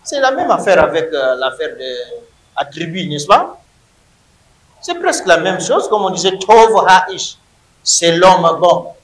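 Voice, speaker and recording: A man with a high, bright voice gives a slow, emphatic classroom lesson. He drills each point by repeating words. The room is echoey. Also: big pitch swings. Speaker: Hebrew teacher.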